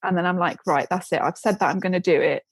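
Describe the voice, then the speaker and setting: A woman's voice: fairly low pitch, fast, breathy edge, dry recording. Chatty woman guest, dry sound. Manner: chatty, rambling, with frequent restarts and giggles. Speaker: podcast guest, ceramics business owner. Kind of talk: casual interview chat.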